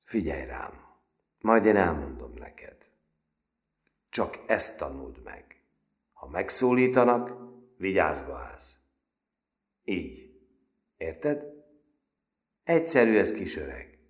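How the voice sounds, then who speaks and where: A man's voice: sits low, sing-song, long pauses. A man voicing an eager teenage boy cadet who explains things in a friendly, coaxing, patient way, reading from a novel. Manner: friendly, coaxing, talks down kindly.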